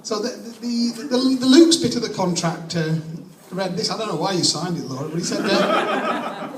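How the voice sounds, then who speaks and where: A man giving a jokey, informal best man's wedding toast, speaking haltingly with many false starts. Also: high-pitched, sing-song. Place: echoey room at a wedding gathering. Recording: distant mic in echoey room, audience noise. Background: crowd of guests reacting and laughing.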